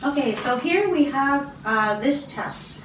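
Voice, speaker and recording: Slow, patient Canadian-born teacher, roomy room. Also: female voice, sits high, animated, background noise. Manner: many ums and throat clears, encouraging. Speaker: English teacher giving a speaking test. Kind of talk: slow, patient test interview. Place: small classroom office, indoors. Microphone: far camera. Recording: roomy, distant camera sound.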